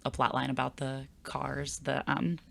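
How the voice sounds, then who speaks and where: A woman's voice: a bass voice, monotone, measured pace, vocal fry, fairly bright tone. A woman comedian from the Philadelphia area, chatting casually as a podcast guest with many fillers and restarts.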